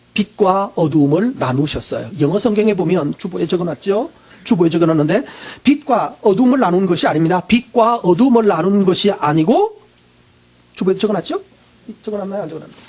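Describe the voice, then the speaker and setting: A male pastor preaching a sermon, asking the congregation questions and answering them himself, often clearing his throat. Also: high voice, darkish tone.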